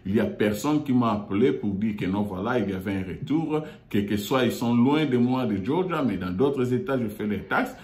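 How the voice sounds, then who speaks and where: A man from Congo hosting his own online show, talking haltingly with many fillers and repeated words from a meeting room in an office. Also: on the low side, a little mellow. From Democratic Republic of the Congo. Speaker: YouTube show host. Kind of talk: hesitant monologue. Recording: echoey room.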